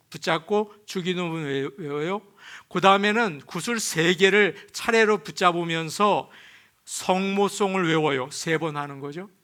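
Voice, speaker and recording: A man's voice: fairly high pitch, sharp tone. A middle-aged man preaching a sermon as pastor, talking with the congregation in a conversational way and putting questions to it. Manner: sings hymn lines within the sermon.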